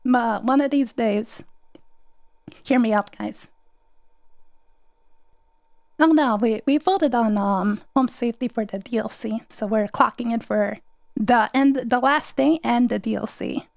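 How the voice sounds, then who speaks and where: A woman's voice: on the high side, normal speed, creaky, darkish tone, dry recording. A young woman streaming, chatting casually and rambling, laughing often and swearing freely. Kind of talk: casual livestream chat.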